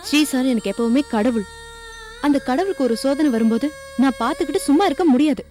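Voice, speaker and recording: A woman's voice: high voice, expressive, fast, dark tone, faint music behind. An actress playing a devoted young woman firmly standing by her decision, in a TV serial. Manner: earnest and determined. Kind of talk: TV serial acting.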